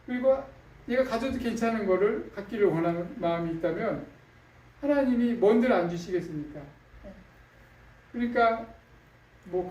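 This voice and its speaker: In a church sanctuary, a male pastor with a high, dark-toned voice preaches conversationally, using fillers and putting questions to the congregation. The room is echoey and the mic is distant.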